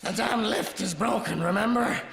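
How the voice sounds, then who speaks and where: A man doing a gravelly sidekick. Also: high voice, moderate pace. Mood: grumbling. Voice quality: gravelly, grumbling, excitable. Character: grumbling male Puka spirit, villain's sidekick. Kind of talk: comic radio play. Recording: echoey room with long reverb.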